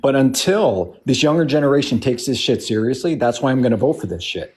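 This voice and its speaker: A man in his forties pressing his case in a heated argument, blunt and emphatic, circling back to the same points. His voice sits in an ordinary middle pitch. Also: lively intonation, fairly quick, a little mellow. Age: 40s. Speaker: debate participant.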